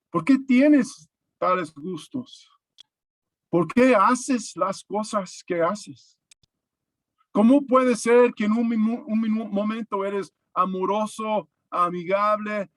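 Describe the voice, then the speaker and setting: Man, higher-pitched voice, earnest devotional preacher who questions his listeners, dry close sound. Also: dry recording. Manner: questioning, earnest, with many hesitations and repeated words. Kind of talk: devotional talk to camera.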